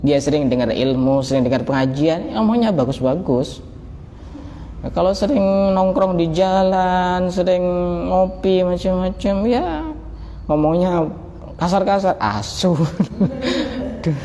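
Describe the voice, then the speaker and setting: Male preacher, mellow higher voice, playful study-circle delivery, echoing hall with faint hiss. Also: expressive, measured pace. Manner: conversational, joking, acts out dialogue with students. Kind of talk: religious study talk. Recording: long hall reverb, faint background noise.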